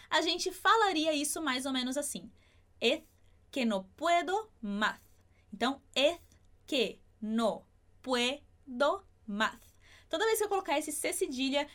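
A woman teaching Spanish pronunciation in an online lesson, explaining patiently and slowing down to demonstrate sounds. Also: high voice. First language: Portuguese.

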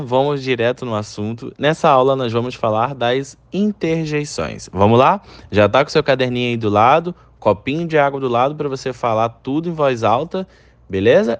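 A man's voice: mid-range voice, no echo, lo-fi sound. A young adult man with a Brazilian Portuguese accent teaching an online English lesson, chatty and speaking straight to his students. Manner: upbeat, chatty, addresses students directly.

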